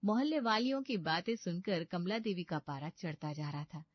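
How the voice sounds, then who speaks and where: A woman giving scripted storybook narration for a cartoon in an even, plain manner. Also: fairly low pitch, normal speed, dry recording. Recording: dull, dry lo-fi voice-over.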